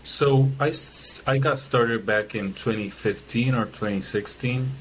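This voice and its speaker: A man's voice: mid-range voice, measured pace, slight background noise, low-quality recording. A man from Chile, a guest in an interview, talking casually with many fillers and restarts. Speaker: guest, business owner.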